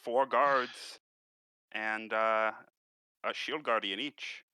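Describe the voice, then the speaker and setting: A man running a tabletop game as game master, narrating in a calm, measured way. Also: on the low side, clean tone, no echo.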